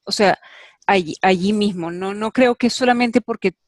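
A woman's voice: medium pitch, moderate pace, dry recording. Hesitant woman panelist, dry sound. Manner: hesitant, skeptical, thinking aloud. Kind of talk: talk show discussion.

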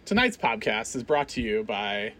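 A man's voice: fairly low pitch, very animated, moderate pace, bright, forceful tone, a little hiss or hum. A man in his thirties hosting a film podcast in casual chat, laughing often and restarting his phrases. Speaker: podcast host.

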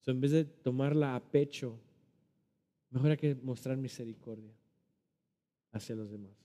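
A male pastor preaching a sermon with emphasis, his voice swelling loud and dropping low. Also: steady tone, moderate pace. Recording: long reverb of a church hall.

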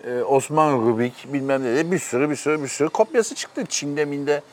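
A man's voice: on the high side, brisk. A middle-aged man hosting a casual chat, telling stories animatedly and laughing often. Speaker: host.

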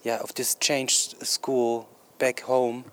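A man's voice: medium pitch, little pitch movement, takes it slowly, fairly bright tone, smooth. A man asking casual questions as an interviewer, feeling his way through the wording.

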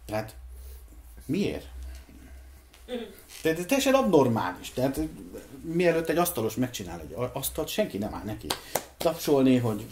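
A middle-aged man from Hungary speaks in a casual discussion, reflective and measured. His voice sits at an ordinary pitch, and he pauses often to think aloud. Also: very animated, a little mellow. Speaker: podcast guest, singer.

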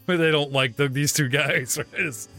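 A game master narrates the action of a tabletop game in a lively, casual way. His voice sits a little high and bright, with faint music underneath. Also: normal speed. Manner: animated, laughing, casual.

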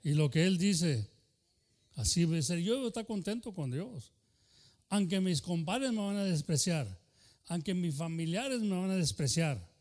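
Man, pastor, fervent bilingual sermon, high voice. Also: sing-song, measured pace, darkish tone. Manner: switches between Spanish and English mid-sentence; fervent preaching punctuated by "aleluya" and "hermano".

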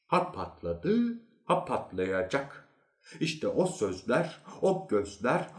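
A man voicing a tall, thin psychologist who explains in a measured, lecturing way in a storybook reading. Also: mid-range voice. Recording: echoey room.

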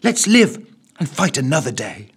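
Brief: man playing a quick-witted young heroine, high and breathy, for a storybook. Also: sing-song, exaggerated voice. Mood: gentle. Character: brave cunning young woman adventurer.

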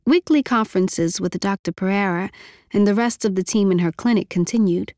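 A woman reading a novel aloud as narrator, in steady, measured storytelling. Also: mid-range voice, no room sound, clean studio sound. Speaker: audiobook narrator. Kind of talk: scripted narration.

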